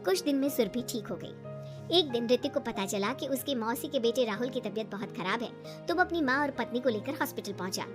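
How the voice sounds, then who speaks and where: A woman narrating a cartoon moral story in a brisk storytelling manner. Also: a little high, animated. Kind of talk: storybook narration with acted dialogue. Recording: light background music.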